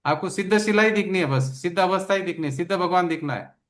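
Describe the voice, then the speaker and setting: A man's voice: high-pitched, fast. A man leading a study session as a religious teacher, explaining a text with emphatic, repeated phrases.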